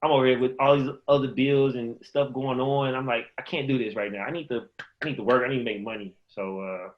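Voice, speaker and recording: Here the same kind of guest, a Chicago-area ex-pro basketball player in his thirties, rambles through a story on a podcast and plays out remembered dialogue. He speaks a little fast in a steady mid-range voice, captured on dull-sounding audio.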